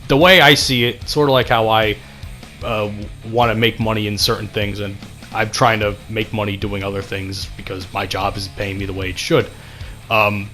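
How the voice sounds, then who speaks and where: A man's voice: lowish voice, sharp tone. A young man ranting casually over gameplay, rambling, sarcastic and full of swearing. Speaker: gaming channel host.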